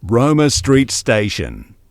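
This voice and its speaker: A man's voice: medium pitch, huge pitch swings, takes it slowly, dry recording. A man reading formal train station announcements, played back as recorded clips and cut into pieces. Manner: formal, evenly paced public address reading, cut into pieces. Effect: pre-recorded announcement clips played back.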